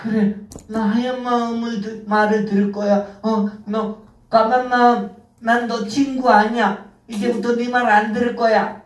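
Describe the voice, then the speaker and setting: A woman's voice: a little high, flat delivery, measured pace, natural voice. A woman voicing a young child puppet who pleads earnestly and asks the children in the audience questions during a live puppet show. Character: young child puppet torn between good and bad. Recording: roomy sound from a far camera.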